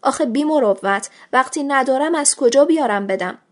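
A woman's voice: sits high, animated. A woman reading a short story aloud, voicing a poor, frightened woman who pleads with a boy in a trembling voice. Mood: flustered pleading. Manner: pleading, flustered.

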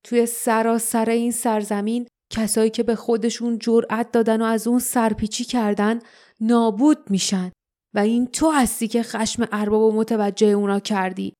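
A woman voicing a treacherous shape-shifting boy who serves a dark lord, speaking in a sneering, menacing way in an audiobook. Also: on the high side, level tone, lightly acted.

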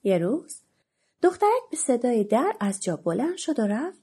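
A woman narrating a children's storybook in an expressive, animated way, with a husky voice. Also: on the high side.

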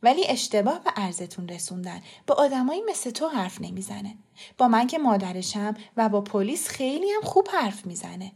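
A woman's voice: mid-range voice, big pitch swings, creaky, a little mellow, slightly rough, full character voice. A woman reading a story voices a frightened but defiant mother, speaking urgently and tensely.

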